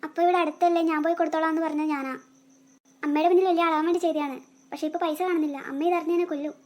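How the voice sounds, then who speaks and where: A woman's voice: high voice, fairly even intonation, racing, darkish tone, natural voice. A woman voicing a worried little girl in a cartoon who has lost money, tearful and anxious. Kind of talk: cartoon voice acting.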